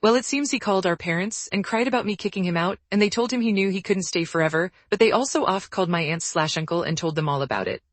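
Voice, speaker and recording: A woman narrating forum posts aloud in a brisk, even storytelling read. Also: medium pitch, no echo.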